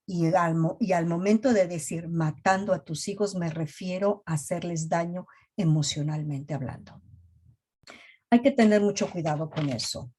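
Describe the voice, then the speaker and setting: A woman's voice: fairly low pitch, normal speed, mellow, breathy edge. A woman therapist giving a reflective talk to parents, emphatic and full of "este" fillers, over a video call.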